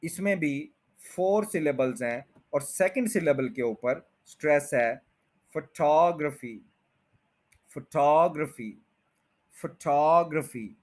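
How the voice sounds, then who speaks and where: Male teacher with a slightly high voice who drills word stress by patient, slow repetition. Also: expressive. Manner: repeats each word slowly, stretching out stressed syllables; explains patiently and step by step. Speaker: English pronunciation teacher. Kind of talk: spoken lesson.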